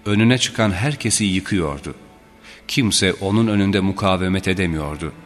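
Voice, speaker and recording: Deep-voiced man reading solemn religious history. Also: a bit bright. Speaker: narrator. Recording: reverberant with faint background music.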